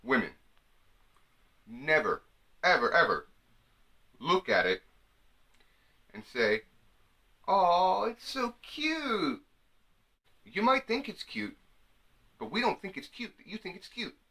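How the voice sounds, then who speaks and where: A young man riffs through a comedy advice monologue. His voice is bright and lively, and his pitch jumps all over as he jokes. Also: unhurried, long pauses. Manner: animated, jokey, slips into mock women's voices. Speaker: comedy vlogger. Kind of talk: comic advice monologue to camera.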